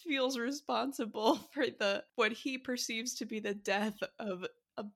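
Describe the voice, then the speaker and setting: A woman's voice: fairly high pitch, measured pace. Chatty woman hosting a podcast. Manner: chatty, many likes and ums. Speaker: podcast host. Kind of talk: casual podcast chat.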